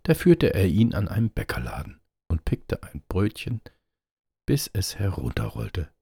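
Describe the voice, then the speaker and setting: A man reading a fairy tale aloud in a steady storytelling manner. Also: deep voice, unhurried, creaky, breathy edge, no echo. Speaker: narrator.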